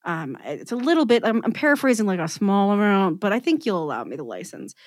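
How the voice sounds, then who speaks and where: A woman hosting a casual podcast interview, chatty and animated, with self-deprecating humor. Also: mid-range voice, a little fast, dry recording. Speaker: podcast host.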